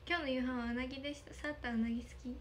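This young adult woman, an idol livestreamer, speaks rapid-fire in a steady, high voice during a casual stream. She reads out comments, thanks viewers frequently, and giggles. The phone-camera recording has slight background noise.

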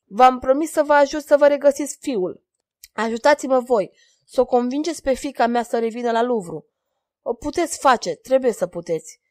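A woman reading the part of an aging king who is proud and quick to anger, with a commanding voice that rises in fury. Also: high voice, animated, a little mellow, no room sound, clean studio sound, voice pushed up. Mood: pleading.

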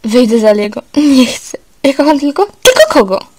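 A young girl torn apart by unrequited love, as a woman reads her. She pleads tearfully, her voice jumping high in a homemade storybook reading. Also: very animated, normal speed, a little mellow, breathy edge, heavily acted. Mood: heartbroken.

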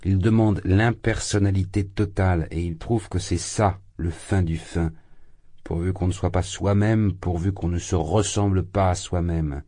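A man reading an audiobook voices a drunk, exalted young man who rants loudly, his voice leaping high and then sinking. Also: steady tone, normal speed. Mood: ranting. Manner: loud, impassioned, rambling, swings high. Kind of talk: audiobook character voice.

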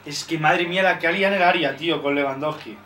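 Speaking fast in a higher-than-average voice, a young man from Spain with a Spanish accent follows a football match live, cursing constantly and yelling whenever a big chance comes. The mic sits at a distance and picks up an echoey room.

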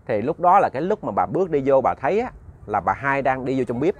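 A man's voice: medium pitch, very animated, fast talker, muffled recording. A man narrating a ghost story conversationally, often repeating words and talking to his listeners.

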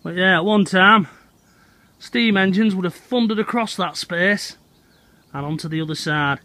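A man's voice: sits high, normal speed, pushed and bright, dry recording. A middle-aged man with a Lancashire accent, chatting to viewers while walking through outdoor woodland, filmed on a handheld phone. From England. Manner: chatty, addresses viewers as "Hot Potters". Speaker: vlogger exploring old railway sites. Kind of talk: walking outdoor vlog to camera. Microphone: phone camera held at arm's length.

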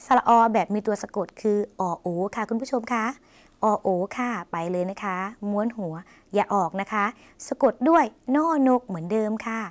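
Coaxing woman teaching writing step by step. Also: mid-range voice. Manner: coaxing, addresses viewers often. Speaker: language teacher and host.

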